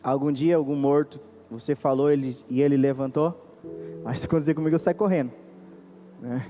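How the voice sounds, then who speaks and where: A Brazilian man preaching a sermon as pastor, swinging between raised and hushed delivery and questioning the congregation. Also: mid-range voice, fairly even intonation, normal speed, in a large hall, faint music behind. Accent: Brazilian Portuguese. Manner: preaching with sudden rises and drops, questioning the congregation. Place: church.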